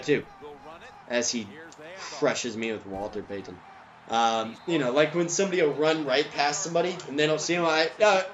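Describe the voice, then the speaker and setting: A man's voice: medium pitch, fairly bright tone, highs cut off. Rambling man commentating a football video game. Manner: rambling, full of ums and tangents. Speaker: gameplay commentator. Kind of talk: casual gameplay commentary. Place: at home, neighbor's music nearby.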